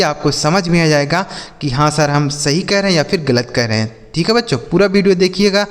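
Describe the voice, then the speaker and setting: Man teaching English spelling, echoing hall. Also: sits high. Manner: spells words letter by letter, repeats and quizzes; addresses viewers as children and brother. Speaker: English teacher, channel host. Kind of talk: spoken lesson to students.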